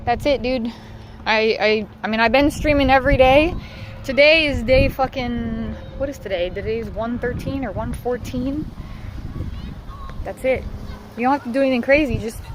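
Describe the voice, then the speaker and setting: A Southern Californian woman livestreams while out on a walk, talking casually and frankly to viewers and dropping the occasional curse. Her voice is a little high, and there's a little hiss or hum on the audio.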